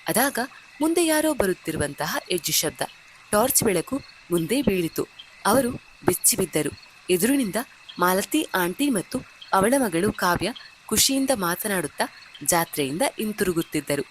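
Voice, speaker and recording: A woman storyteller reading scripted horror narration in a measured, suspenseful manner. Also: medium pitch, sing-song, slight background noise.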